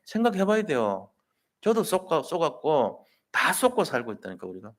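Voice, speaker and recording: A male pastor delivers a Sunday sermon, his pitch rising and falling with lively energy. He retells stories in an easy, colloquial way and keeps pressing the congregation with emphatic rhetorical questions. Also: moderate pace. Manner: colloquial, storytelling preaching.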